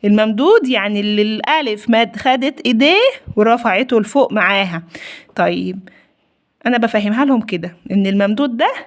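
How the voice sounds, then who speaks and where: A woman teacher with an Egyptian accent giving a reading lesson to young children. She asks questions and answers them herself, and she stretches words out slowly to sound out each syllable. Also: a little high, animated. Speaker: primary school teacher.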